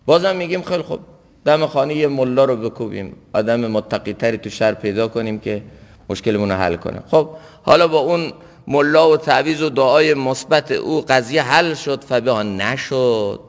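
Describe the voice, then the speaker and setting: A man preaching a sermon, emphatic, rising to raised exhortation and dropping to low murmurs. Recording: reverberant hall.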